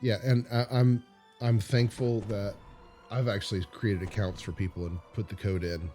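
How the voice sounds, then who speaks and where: A man's voice: lowish voice, fairly even intonation, normal speed, mellow, faint music behind. A man hosting a gaming video with casual, rambling and somewhat hesitant commentary.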